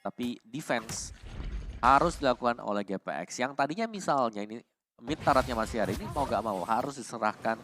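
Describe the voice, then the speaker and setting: A man's voice: mid-range voice, animated, fairly quick, a bit bright, soft background music. A man with an Indonesian accent giving casual, analytical commentary on an esports match as a co-caster.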